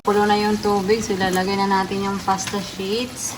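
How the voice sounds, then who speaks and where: A woman's voice: medium pitch, little pitch movement, normal speed, background noise. A young woman from the Philippines with a Filipino accent, chatting casually through a cooking vlog at home and mixing Tagalog with English. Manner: chatty, switches between Tagalog and English, calls viewers "loves". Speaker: vlogger, mother of a baby. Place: home kitchen, indoors. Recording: echoey kitchen with frying sizzle.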